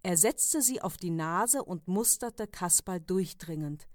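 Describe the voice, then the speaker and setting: A woman reading stories aloud in a calm, even narrating manner. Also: fairly low pitch, unhurried, dry recording, clean studio sound. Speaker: reader. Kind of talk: audiobook reading.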